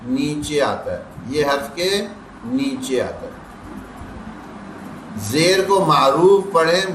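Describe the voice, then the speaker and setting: Male tajweed teacher, slow syllable drills, faint hiss behind, distant mic. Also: fairly high pitch, a bit bright. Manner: drawn-out syllable drills between quick explanations. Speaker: Quran recitation teacher. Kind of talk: tajweed class lesson. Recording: echoey room, distant mic.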